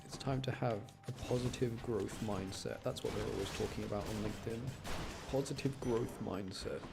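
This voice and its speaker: A man with a lowish voice speaks at normal speed over music while streaming a game. His live commentary is casual and chatty, covering mechanics along with muttering to himself, and the clear recording carries background noise and video game sound.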